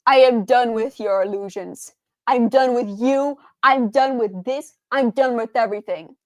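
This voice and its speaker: A woman's voice: fairly high pitch, measured pace, no room sound, close to an everyday voice. A woman voicing a furious cookie king. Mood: defiant. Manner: defiant, scornful declarations.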